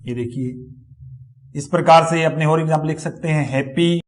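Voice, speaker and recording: A teacher with a slightly high, steady voice gives a step-by-step classroom lecture on phonetics at a moderate pace. He repeats each example word as he explains it.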